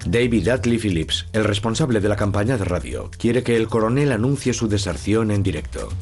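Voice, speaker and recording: A man narrating a documentary in a measured, serious storytelling manner. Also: lowish voice, animated, a little mellow, husky. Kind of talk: scripted narration. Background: background music.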